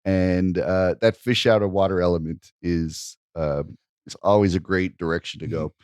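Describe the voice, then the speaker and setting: A man's voice: low voice, fairly even intonation, moderate pace, a little mellow, clear, resonant tone, no echo, clean studio sound. A man co-hosting a comedy podcast, talking in an easygoing way and chuckling between phrases. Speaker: podcast co-host. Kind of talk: casual chat.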